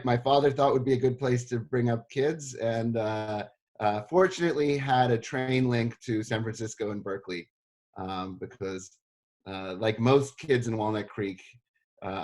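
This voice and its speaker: A middle-aged man from South Africa, talking casually in an interview, relaxed and self-deprecating with many fillers. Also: on the low side, normal speed. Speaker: history professor interviewed.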